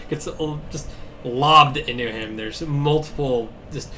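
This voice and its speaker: A man narrates a tabletop game as its game master, his voice bright and forceful. He talks loosely and swears casually, often breaking into laughter. Faint room ambience sits behind him. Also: mid-range voice, slow pace, slight background noise.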